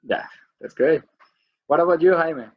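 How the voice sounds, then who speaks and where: Man host, slightly husky, dull dry video-call sound, halting friendly chat. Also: on the high side. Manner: warm, thankful, halting with restarts. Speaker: host, musician. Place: outdoor patio.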